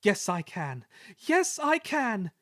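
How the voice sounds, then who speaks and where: A hardworking little engine, as a man puts him on, earnest and puffing out his words. His voice is pitched high above the reader's own. The recording is dry and close. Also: sing-song, normal speed, no room sound. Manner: puffing, anxious then brave.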